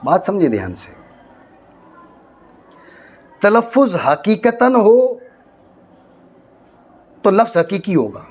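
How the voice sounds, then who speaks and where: A man from Pakistan teaching a classroom lecture, often stopping to check that students follow and slowly repeating key phrases for stress. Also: high voice, huge pitch swings, darkish tone. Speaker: teacher of Arabic grammar. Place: madrasa classroom.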